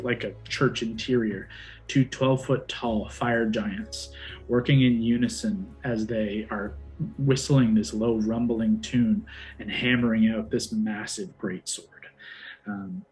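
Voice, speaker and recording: A man improvising descriptive narration as game master of a tabletop fantasy game, in a halting way. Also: fairly low pitch, darkish tone, rough recording. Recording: music behind the voice. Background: background music with guitar.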